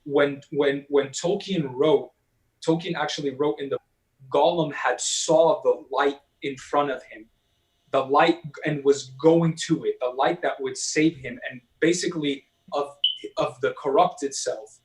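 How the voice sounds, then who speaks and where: A man in a casual film discussion, talking in a halting way with many fillers and restarts. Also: on the high side, poor audio. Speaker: podcast panelist.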